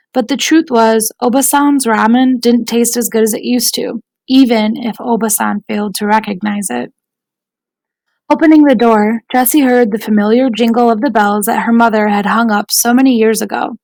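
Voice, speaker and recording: A woman narrating an audiobook in a measured, even storytelling manner. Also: a little high, no echo, low-quality recording.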